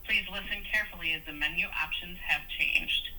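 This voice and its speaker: Bright recorded phone-menu woman's voice. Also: lowish voice, a little fast, poor audio. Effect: recorded phone menu message played over a phone speaker. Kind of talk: automated phone menu prompt.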